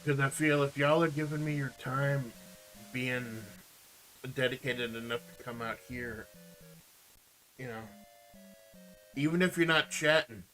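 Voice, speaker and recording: A laid-back man talks to his stream audience in loose, swear-heavy chat, his voice bright and forceful. He tends to mumble now and then. Faint music plays behind him. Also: mid-range voice, measured pace, pauses often, rough recording. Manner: mumbles at times. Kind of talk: casual live-stream chat.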